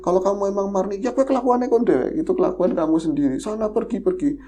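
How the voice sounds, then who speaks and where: A man playing a frantic man yelling at a ghost. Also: high voice, quick pace, music in the background, voice pushed up, close to an everyday voice. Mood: furious. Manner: shouting, scolding.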